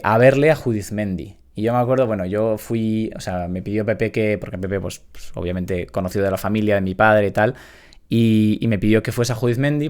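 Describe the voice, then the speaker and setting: Thirtyish man, lowish voice, loose storyteller who swears casually. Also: a little mellow. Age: 30s. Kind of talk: casual anecdote.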